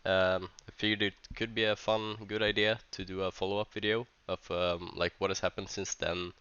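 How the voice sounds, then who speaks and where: A man with a Swedish accent, a tournament organizer who speaks English as a second language, reads a vlog script in a halting, hesitant way with many restarts while sounding stuffy from a cold. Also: low voice, flat delivery, pushed and bright, smooth, dry recording, muffled recording. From Sweden.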